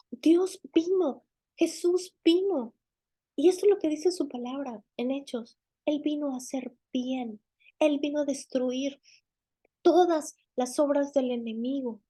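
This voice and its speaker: A woman gives a teaching sermon in a high, mellow voice. She talks to the listener directly and conversationally, often putting questions to them and using everyday fillers. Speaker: Bible teacher.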